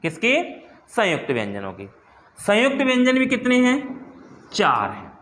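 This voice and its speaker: A man's voice: high-pitched, wildly swooping pitch, moderate pace, fairly bright tone, a little hiss or hum. A man teaching a Hindi lesson, asking the class questions and answering them himself, repeating key terms. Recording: echoey room.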